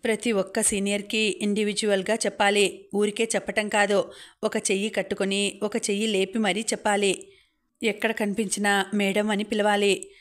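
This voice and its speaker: A bossy young college senior in a storybook reading, firing off brisk orders, as a woman narrator voices her. The orders come out level, with little rise or fall. The voice sits at a middle pitch. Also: level tone, lightly acted. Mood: commanding.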